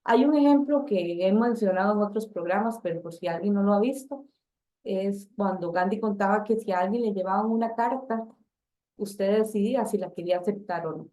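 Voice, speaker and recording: A woman hosts a talk show, explaining her points in a calm, reflective way. Her voice is mid-pitched, with a soft, mellow tone. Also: fairly quick.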